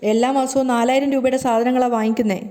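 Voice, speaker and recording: A woman's voice: high voice, steady tone, quick pace, mellow, close to an everyday voice. Woman reading as a hot-tempered young man. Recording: long roomy reverb.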